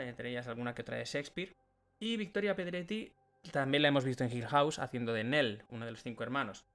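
A man co-hosts a casual podcast chat and talks through his points at length. His voice sits in a middle register, and soft music plays faintly underneath. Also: medium pitch. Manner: conversational, explains at length. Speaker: podcast co-host.

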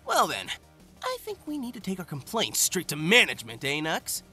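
A man's voice: sits high, wildly swooping pitch, normal speed, bright, forceful tone, husky, full character voice. A man voicing a cocky, easygoing young hedgehog hero with a breezy, teasing delivery in a comic dub. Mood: breezy, confident. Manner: breezy, teasing, self-assured. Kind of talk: amateur comic dub acting. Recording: music behind the voice.

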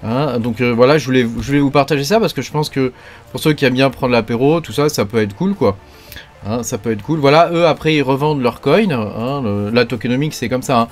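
A man's voice: medium pitch, fairly quick. Man, YouTube crypto host, chatty and rambling, mid voice, light music bed. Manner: rambling, heavy fillers and verbal tics. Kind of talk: joking casual video talk.

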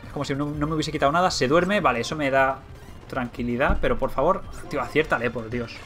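A young man with a Spain Spanish accent commentating a video game as he plays, thinking aloud, getting excited and swearing. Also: mid-range voice, fast, soft background music. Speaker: let's play gamer.

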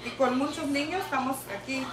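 Young mother co-hosting a livestream; excitable, high voice; echoey, distant, noisy audio. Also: brisk. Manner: excitable, mixes in English words. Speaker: co-host, mother. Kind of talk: casual livestream storytelling.

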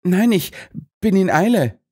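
A man's voice: high-pitched, sing-song, measured pace, warm tone, slightly rough, voice pushed up, full character voice. A man voicing a flustered female lab assistant who shrieks and protests indignantly.

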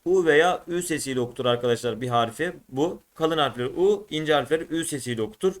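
A man's voice: on the high side, animated, quick pace. A male teacher giving an exam-prep lesson, addressing his students and sounding out letters and syllables one by one.

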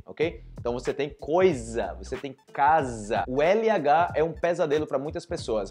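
A young man with a Brazilian accent teaching pronunciation, slowly repeating words syllable by syllable and checking in with "ok?". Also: fairly high pitch, a little mellow. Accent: Brazilian Portuguese. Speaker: language teacher. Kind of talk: pronunciation lesson to camera.

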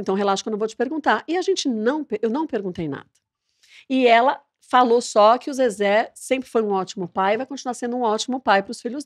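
A woman, a TV presenter, chatting as a podcast guest and telling a story lively, acting out the dialogue. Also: fairly high pitch, no room sound, studio quality. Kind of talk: casual interview chat.

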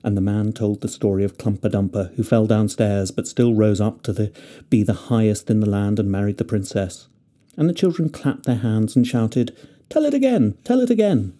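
Man reading a fairy tale in a dark, mellow voice. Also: on the low side. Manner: gentle, expressive storytelling. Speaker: narrator.

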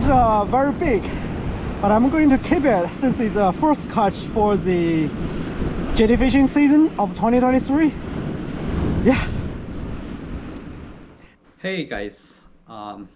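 Middle-aged male vlogger, halting casual talk, loud wind and surf behind. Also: high-pitched. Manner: plain, halting talk with many fillers. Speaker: fishing vlogger. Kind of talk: casual vlog narration. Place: on a windy rainy ocean jetty, then a home kitchen. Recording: windy outdoor noise, rough ambience.

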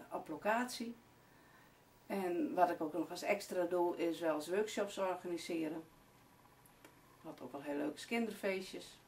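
Her voice is fairly low, creaky, and darkish in tone as this forties-aged salon owner hesitantly pitches her hair and beauty business to camera, with plenty of fillers. A distant camera mic records her along with faint room noise.

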